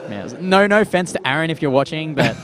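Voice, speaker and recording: A man's voice: a little high, expressive, fast, fairly bright tone. A man commentating a live esports match in a casual, chatty way, laughing and restarting often, a little hiccupy. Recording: music playing behind the voice. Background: background music.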